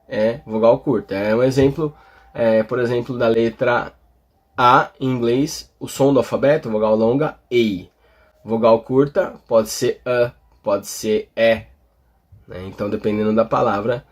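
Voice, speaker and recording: A Portuguese-speaking man explaining English vowel pronunciation, talking slowly with many fillers and tag questions. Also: medium pitch, darkish tone, breathy edge. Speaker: English teacher. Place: in front of a display board.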